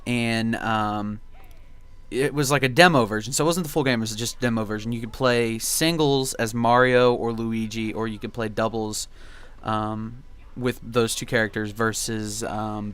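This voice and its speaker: A man's voice: on the low side, a bit bright, clean tone. A young man reminiscing casually in gameplay commentary, with a laid-back, rambling and nostalgic way of talking. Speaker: video game commentary host.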